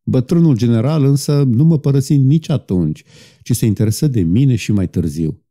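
A man's voice: mid-range voice, animated, warm tone, voice pushed up, natural voice. Man doing a bitter young guard officer. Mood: recounting. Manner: sad, bitter, defensive.

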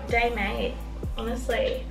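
Vlogger mum in her thirties, high voice, unhurried delivery, gushing and a bit emotional, with music behind her at home. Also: flat delivery, vocal fry, echoey room. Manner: gushing and emotional, repeats exclamations. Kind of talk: casual vlog chat. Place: family home.

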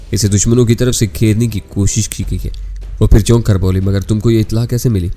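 A man narrating a spy story in a steady storytelling manner, reading all the characters' lines in his own voice. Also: lowish voice. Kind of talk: scripted audiobook narration.

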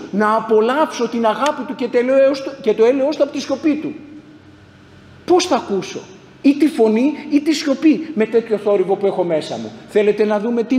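A man's voice: high voice, a little mellow. A man, a priest, preaching a sermon in a church, asking rhetorical questions and answering them himself in emphatic repeated lists. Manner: rhetorical, asks and answers his own questions. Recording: echoey church hall, faint background hum.

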